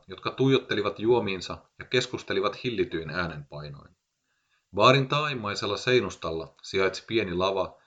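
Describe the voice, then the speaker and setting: A man from Finland reading a short story aloud in a dry, measured, deadpan way. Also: low voice. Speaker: narrator. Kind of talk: scripted narration of a short story. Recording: dull lo-fi recording.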